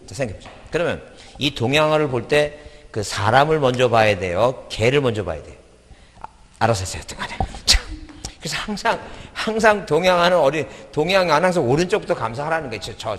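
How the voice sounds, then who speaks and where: Fast-talking man lecturing in a reverberant hall. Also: mid-range voice. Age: middle-aged. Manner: fast, repetitive, quizzing listeners with questions. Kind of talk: exam-prep lecture.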